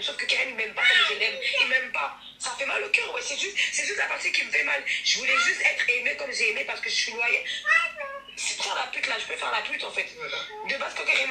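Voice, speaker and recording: A woman's voice: on the high side, vocal fry. A woman telling her story on a live stream, rambling and repeating herself, with laughs between her lines. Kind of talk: emotional live stream confession. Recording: echoey, from a distance, faint noise.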